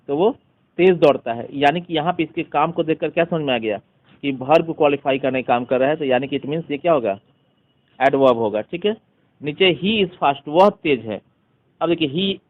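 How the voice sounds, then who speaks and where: A man teaching grammar in Hindi mixed with terms, asking the class questions and answering them himself. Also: fairly high pitch. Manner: mixes Hindi with English terms. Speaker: English teacher. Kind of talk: explanatory grammar lesson. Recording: dull lo-fi sound.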